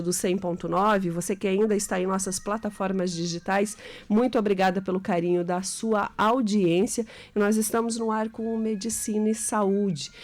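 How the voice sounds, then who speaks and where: A woman's voice: medium pitch, a little mellow. A woman hosting a live radio talk show from a studio, chatty and friendly, often adding tag questions. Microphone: studio microphone.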